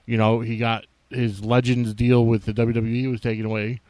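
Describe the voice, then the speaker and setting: A man hosting a podcast alone, talking off the cuff in a halting, rambling way. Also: mid-range voice, little pitch movement, dark tone, dry recording, low-quality recording. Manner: halting and rambling, frequently restarting thoughts. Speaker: wrestling podcast host. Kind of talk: unscripted solo podcast talk.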